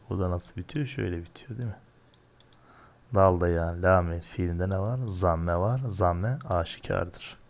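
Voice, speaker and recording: A man teaching Arabic grammar, asking and answering his own questions, slowing down over each term. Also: low-pitched, a little mellow. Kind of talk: grammar lesson, explaining line by line.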